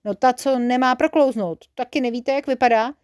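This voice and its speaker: A woman's voice: high voice, darkish tone, clear, resonant tone, lightly acted. A woman voicing a sleepy, grumbling male helper creature in a storybook, puzzled and dry. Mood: grumbly.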